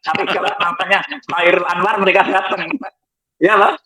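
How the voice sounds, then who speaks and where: A lively pastor with a tinge tells his story in a studio talk. His voice is bright and sits a little high. He jokes as he goes. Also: normal speed, rough recording. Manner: lively, jokey, repeats "next lagi" while showing slides. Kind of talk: testimony in a talk show.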